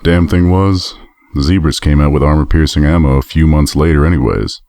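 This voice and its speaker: A man playing a grim, very deep armored pony veteran. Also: fairly quick, darkish tone, no room sound, studio quality. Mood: somber. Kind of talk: audiobook role reading.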